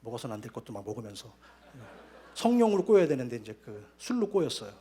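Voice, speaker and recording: A man preaching a sermon as pastor, telling his own story with lively storytelling. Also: medium pitch, quick pace. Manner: animated storytelling, acting out quoted voices. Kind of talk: sermon with personal testimony. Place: church sanctuary.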